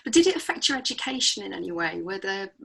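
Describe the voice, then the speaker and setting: A woman's voice: medium pitch, sing-song, fast talker, creaky, pushed and bright. A woman hosting an online interview, putting questions conversationally and giving instructions to those watching.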